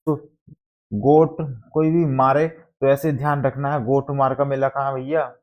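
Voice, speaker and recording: An unhurried male teacher speaks in a mid-range voice with little pitch movement, and the sound quality is dull and lo-fi. He explains exam material through memory tricks and keeps posing repetitive call-and-response questions to the class.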